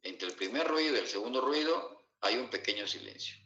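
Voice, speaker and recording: Male medical lecturer, bright low voice, lo-fi echoey classroom recording. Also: expressive, fairly quick, slight background noise. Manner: asks students rhetorical check-in questions. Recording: echoey room, dull lo-fi sound.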